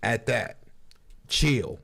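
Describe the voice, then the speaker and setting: A man's voice: mid-range voice, expressive, very slow, gravelly, pushed and bright. A man streaming a casual reaction, mocking and laughing in slangy banter.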